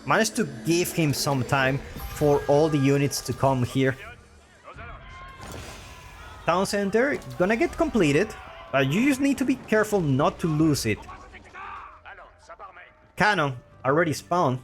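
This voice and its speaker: A man's voice: fairly high pitch, lively intonation, unhurried, soft background music. A man with a Spanish accent, a native Spanish speaker, casting a strategy game match live and repeating his own phrases as he talks. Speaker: game caster.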